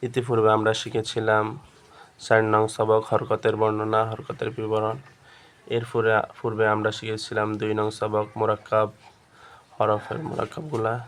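A man teaching Quran reading in a slow, patient lesson, drilling syllables again and again. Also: on the low side, monotone, smooth. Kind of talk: step-by-step recitation lesson.

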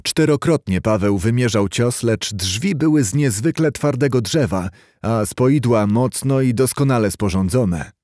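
A man reading a literary audiobook in a measured storytelling way. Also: medium pitch, expressive, mellow, no room sound, clean studio sound. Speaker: audiobook narrator. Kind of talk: scripted literary narration.

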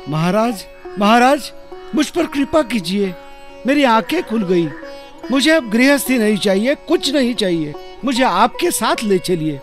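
A man's voice: very high voice, sing-song, a little slow, faint music behind, heavily acted. An actor playing a humble male devotee over eighty, pleading with a saint. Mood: devoted. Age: 80s. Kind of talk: devotional film acting.

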